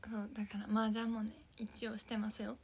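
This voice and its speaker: A woman's voice: fairly high pitch, monotone, fairly quick, darkish tone, husky. A young woman with a Kansai accent chatting casually on a livestream, giggling often, dropping into whispers and thanking viewers by name. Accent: Kansai Japanese. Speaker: idol livestreamer.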